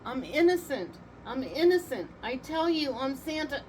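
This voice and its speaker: A woman's voice: high-pitched, sing-song, normal speed, a little mellow, a little hiss or hum, pitched above the performer's own voice. A woman voicing an earnest old Santa in a storybook reading, stammering and plaintive. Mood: pleading. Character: Santa, pleading, flustered, earnest old man.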